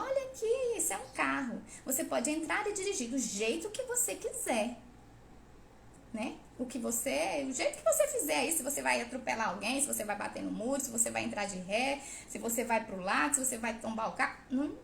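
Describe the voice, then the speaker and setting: A woman's voice: high-pitched, gravelly, a little hiss or hum. A woman who is a parent hosts a live Q&A about literacy, talking bluntly and emphatically, scolding and acting out the people she quotes. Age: adult parent. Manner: acts out quoted voices. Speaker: host of a parenting and literacy channel. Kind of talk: live Q&A talk. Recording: roomy echo with faint ambience.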